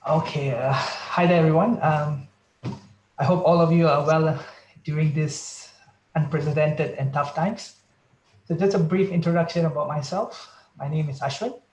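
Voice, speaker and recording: A man's voice: a little high, moderate pace, darkish tone, roomy sound, a little hiss or hum, low-quality recording. A man from Malaysia, a research scientist, giving a careful, explanatory presentation over a video call. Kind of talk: online conference presentation.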